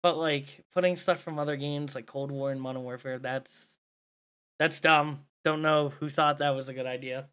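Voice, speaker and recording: A man hosts a loose gaming podcast among friends. His voice is bright and forceful, and he chats freely, swearing casually and laughing often. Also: a little high, steady tone, moderate pace, smooth. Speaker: podcast host.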